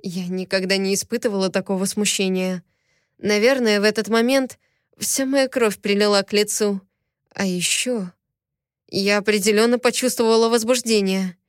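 Brief: woman audiobook narrator, first person, steady and expressive, dry close mic. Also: medium pitch, moderate pace, clean tone, no room sound.

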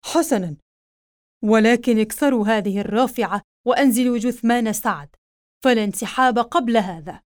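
A woman's voice: fairly high pitch, moderate pace, natural voice. A woman voicing a dying male army commander who speaks faintly and solemnly, full of regret. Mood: firm. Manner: faint, weak, solemn last words.

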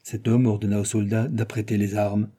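A man reads a novel aloud in a dark, mellow voice with a husky edge. His narration is lively, and he lifts his voice sharply whenever characters shout. The tone stays low and warm throughout. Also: fairly quick. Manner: lively reading, raising his voice for shouted lines. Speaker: audiobook reader. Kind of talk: scripted narration.

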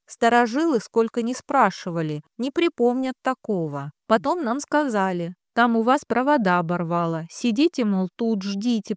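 A woman's voice: fairly high pitch, clean tone, no room sound, studio quality, natural voice. A woman reading the part of an emotional young village bride who goes from pleading to tearful scolding. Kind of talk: audiobook character reading.

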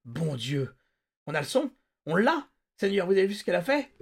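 Man voicing a frantic shouting psychiatrist. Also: big pitch swings, fairly quick, gravelly, exaggerated voice. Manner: shouting, gasping, pitch leaping. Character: frantic excitable male psychiatrist, breathless.

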